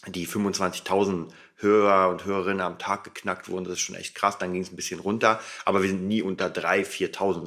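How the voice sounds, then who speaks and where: Deep-voiced man talking with a retainer. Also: fairly bright tone. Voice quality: speech slightly impeded by a dental brace or retainer. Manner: informal, emphatic, repeats words for emphasis. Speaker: podcast host. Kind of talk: casual rambling solo podcast talk.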